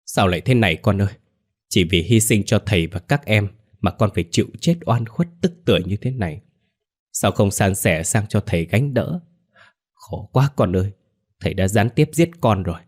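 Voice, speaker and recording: A man's voice: lowish voice, animated, moderate pace, breathy edge. A man voicing a frail old village father in a storybook ghost tale, pleading in anguish.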